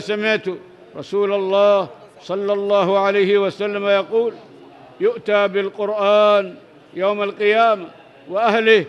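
Reading hadith in an even, narrow-pitched tone, a high-voiced Islamic teacher recites every chain of narrators. He follows each with a plain explanation of the text and slips in brief prayers as he proceeds.

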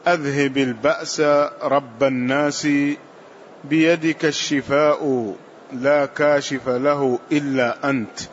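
A man reading classical religious texts aloud in a lesson, in a measured, formal way. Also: medium pitch, fairly even intonation, dull audio, a little hiss or hum. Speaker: student reading hadith text aloud. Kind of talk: recitation of classical hadith text.

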